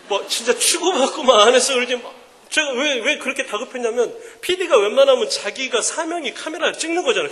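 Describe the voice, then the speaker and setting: A man in his thirties giving a joking, animated sermon-style talk at a mothers' prayer meeting. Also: extremely high pitch. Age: 30s. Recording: echoing hall reverb.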